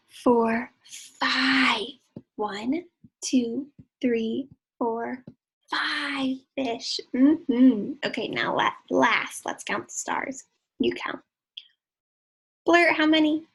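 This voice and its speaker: Female early-years teacher, kids show host delivery, high-pitched and unhurried, encouraging, with sing-song counting. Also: creaky, breathy edge, low-quality recording. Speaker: kindergarten math teacher. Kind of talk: instructional lesson for young children.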